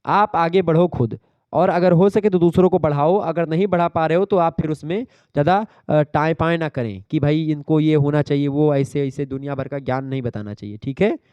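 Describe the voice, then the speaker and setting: A man's voice: on the high side, normal speed, dark tone, smooth, no room sound, lo-fi sound. A male teacher giving an exam revision lecture, explaining terms step by step and checking that his students follow.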